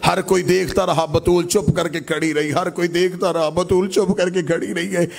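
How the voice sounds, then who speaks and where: A man preaching a mourning sermon with passion, often breaking into a chanted sing-song and rising to loud cries. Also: sits high, little pitch movement, normal speed, creaky, a little hiss or hum. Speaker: Shia majlis orator.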